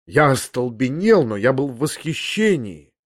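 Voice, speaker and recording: A man reads a literary novel aloud in the first person, measured and reflective. His voice is mid-pitched and recorded dry and close, with no room sound. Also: very animated, dry recording. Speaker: audiobook narrator.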